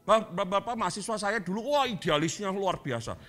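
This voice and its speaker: A male preacher delivers a sermon in a high, very animated voice. He tells stories and acts out snatches of dialogue as he goes. Faint music plays underneath. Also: brisk. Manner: lively storytelling with quoted dialogue. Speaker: pastor.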